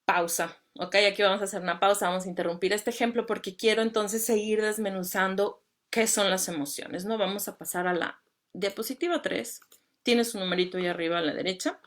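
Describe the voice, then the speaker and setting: A woman's voice: mid-range voice, brisk. A woman teaching singing in an online lecture, speaking. She keeps it conversational, with fillers and tag questions at every turn. Her voice comes through a computer mic on a video call.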